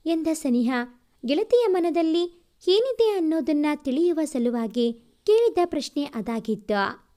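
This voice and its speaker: A woman storyteller narrating a romantic family story in a steady, expressive reading style. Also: high voice, measured pace.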